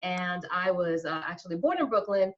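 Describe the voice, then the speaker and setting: A woman's voice: fairly low pitch, lively intonation, moderate pace. Enthusiastic New woman, muffled line. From Queens, New York. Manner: enthusiastic, warm storyteller with many fillers. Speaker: guest, small business owner. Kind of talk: casual interview.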